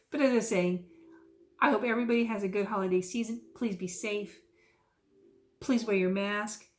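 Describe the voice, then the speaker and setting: Unhurried and pausing often, this medium-pitched woman chats on her stitching vlog. She's in her 50s, hails from South Texas, and rambles into folksy, self-amused digressions.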